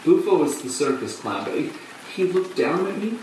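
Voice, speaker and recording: An actor playing a flamboyant man who tells his story in a halting, breathless theatrical monologue. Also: on the high side, very animated, darkish tone. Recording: echoey room, distant mic, faint hum.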